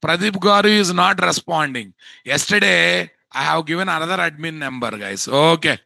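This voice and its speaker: A man with a Telugu Indian accent teaching an informal live software class in an exasperated, scolding way, often firing rhetorical questions at his students. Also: fairly high pitch, normal speed, vocal fry, dry recording. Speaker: instructor of a software course.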